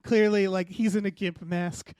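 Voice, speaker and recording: Man, podcast host, high-pitched voice, dry close sound, rambling casual film chat, sweary. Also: fairly even intonation, moderate pace, a little mellow, no room sound. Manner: rambling, frequent "like", profane.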